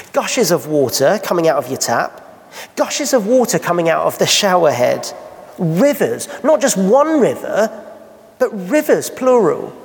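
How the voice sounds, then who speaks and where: Guy preaching, lots of "can you imagine", gravelly fry, big echoey church. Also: a little high. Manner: lively, rhetorical questions, sets the scene vividly. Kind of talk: sermon. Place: church hall. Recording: long hall reverb.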